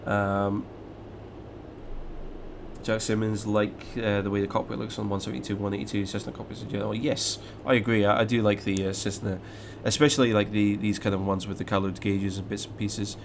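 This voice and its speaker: Vocal fry colors this young Scottish streamer's lowish voice, which is flat and a little fast, over a noisy background. His accent is Scottish with a slight English mix, and on his flight sim live stream he chats casually, reads viewer questions, and rambles with fillers and restarts.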